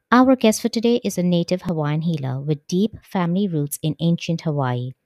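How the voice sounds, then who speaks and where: A woman hosting a podcast, speaking in a measured, deliberate way and slowing down to stress key words. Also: low voice, mellow, dry recording. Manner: measured, deliberate delivery with slowed emphasis. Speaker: podcast host. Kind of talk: scripted podcast introduction and interview. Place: currently in India.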